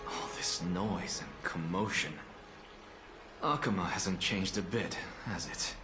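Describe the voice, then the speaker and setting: Over music and with reverberant sound, a man speaks slowly in a low voice as Anaxa, a haughty scholar professor in a video game. His delivery is dry, self-assured and dismissive, and the character comes across as aloof and sardonic.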